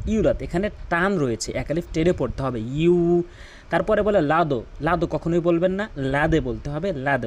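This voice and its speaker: A man gives a Quran pronunciation lesson. He patiently explains each rule, then repeats the words slowly in a melodious recitation for listeners to practise. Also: a little high, darkish tone.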